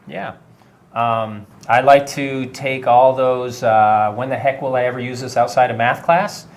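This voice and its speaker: A middle-aged man from Vermont, a high school technology teacher, answering interview questions casually with many filler sounds. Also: steady tone, measured pace. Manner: friendly, many filler uhs.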